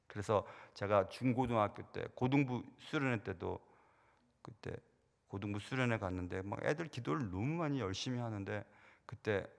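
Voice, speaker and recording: In a church sanctuary, a middle-aged senior pastor tells stories while preaching, his fairly low voice surging loud before falling to a hush, with repeated words. The recording has the sanctuary's reverb.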